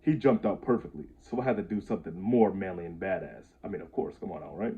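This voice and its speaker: A man in his twenties with a low, creaky voice reads aloud his own handwritten story, animated and quick. He stumbles over the words and chuckles at himself, and the audio sounds tinny, like a phone.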